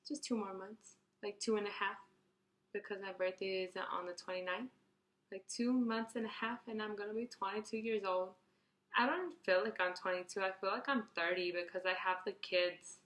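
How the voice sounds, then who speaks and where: A woman's voice: medium pitch, steady tone, moderate pace, echoey room. A 21-year-old woman chatting casually through a question tag video, reading each question out and rambling through her answers. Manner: chatty, rambling, restarts and fillers, reads questions out brightly. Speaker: beauty vlogger.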